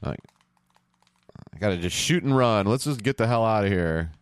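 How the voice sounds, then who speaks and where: A man casually narrating his video game play to himself, rambling, swearing and getting loud during fights. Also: on the low side, expressive, normal speed, clean tone, no echo. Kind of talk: casual let's-play commentary. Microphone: headphones on, close podcast mic.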